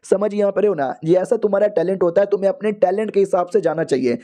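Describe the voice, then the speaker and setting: A man narrates a comic recap in a loose, slangy, joking way. His voice is high and soft, with a warm tone. He keeps it chatty and casual, the way you would tell a friend a story. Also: quick pace.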